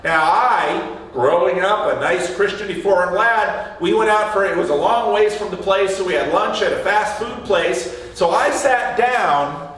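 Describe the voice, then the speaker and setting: A man's voice: high-pitched, a little slow, a bit bright, a little hiss or hum. A man preaching a sermon in a church, chatting with his congregation and asking them questions. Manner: conversational, asks the congregation questions. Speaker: pastor. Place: church sanctuary. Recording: echoey church hall, mic from far off.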